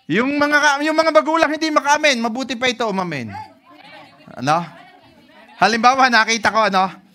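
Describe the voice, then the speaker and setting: A man's voice: extremely high pitch, a little fast, a faint crowd. A man with a Filipino accent preaching a sermon as pastor, telling stories and often checking in with the congregation. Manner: lively storytelling with frequent "ano?" and "no?" checks to the congregation.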